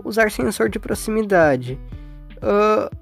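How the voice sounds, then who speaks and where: A woman's voice: medium pitch, animated, slow pace, creaky. A woman with a Brazilian accent hosting a casual step-by-step phone tutorial, informal and often adding short tag questions. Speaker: tutorial host. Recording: faint music behind.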